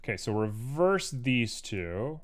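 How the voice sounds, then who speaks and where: A man's voice: mid-range voice, sing-song, slow. A young man streaming while he 3D models, muttering to himself in a playful, rambling way. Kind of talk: casual livestream commentary while 3D modeling.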